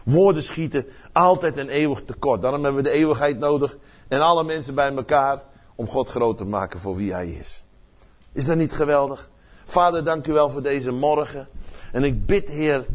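An older man preaching a sermon with passion, swinging from loud outbursts to hushed words and often repeating words as he searches for phrasing. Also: medium pitch, normal speed. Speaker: pastor.

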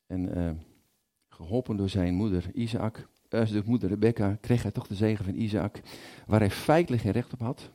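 A man's voice: on the low side, steady tone, moderate pace, dark tone. A man giving a conversational sermon, informal and thinking aloud, often repeating words as he goes. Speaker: preacher.

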